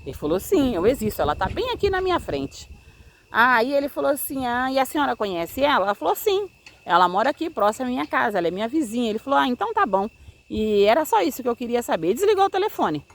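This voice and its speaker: A woman's voice: on the high side, very animated, fast. A woman telling a personal story in casual speech, acting out the dialogue of the people she met. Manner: acts out quoted dialogue of other people.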